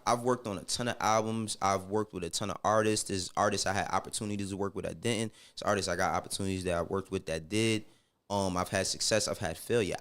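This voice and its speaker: A middle-aged podcast guest from Harlem, New York, speaks with a lowish, slightly bright voice and a New York accent. Candid and casual, he uses slangy, emphatic phrases and often checks that the listener is following.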